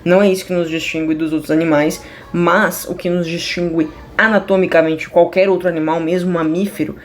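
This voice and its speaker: In a relaxed, talkative online class, a woman teaches with a lowish voice over a slight hiss or hum. She drifts from the topic at times and corrects herself, using many fillers.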